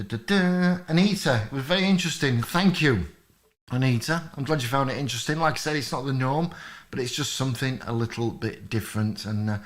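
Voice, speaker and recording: A man hosting a history live stream, chatting loosely with viewers and answering their comments with many fillers. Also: lowish voice. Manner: rambling, friendly, many fillers, reads out chat comments. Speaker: history channel host.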